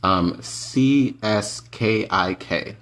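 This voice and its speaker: A man's voice: on the low side, drawn-out words, fairly bright tone. A man reading viewer comments aloud on a live stream, hesitant with ums. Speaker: comment reader.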